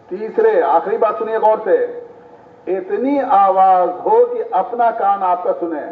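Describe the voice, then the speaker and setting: High-voiced preacher quizzing a congregation. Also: male voice. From Bihar, India. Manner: quizzes the congregation with repeated questions; repeats each point several times. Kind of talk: sermon. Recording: echoey, distant, tinny phone-like, faint noise.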